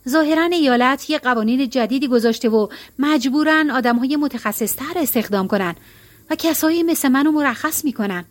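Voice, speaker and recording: A woman's voice: sits high, close to an everyday voice. A woman voicing a worried, wistful middle-aged woman in a storybook reading, earnest and plaintive.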